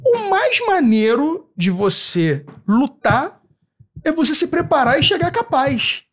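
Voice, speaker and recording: High-voiced, emphatic Brazilian Portuguese man. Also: very animated, slow. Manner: emphatic, repeats phrases, checks understanding. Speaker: podcast guest. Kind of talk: casual podcast conversation.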